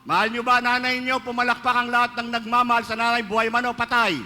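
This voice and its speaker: A man's voice: extremely high pitch, level tone, fast, bright, forceful tone, a little hiss or hum. A man with a Filipino accent, a priest giving a joking, storytelling homily that mixes Filipino and English. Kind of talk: sermon. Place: large church. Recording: reverberant church hall, faint ambience.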